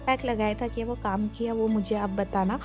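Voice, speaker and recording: A woman's voice: mid-range voice, steady tone, moderate pace, music in the background. A young woman from India, a homemaker mother, chatting casually to viewers in a voice-over about her daily routine. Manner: chatty, homely, talks straight to viewers. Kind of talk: casual voice-over vlog narration.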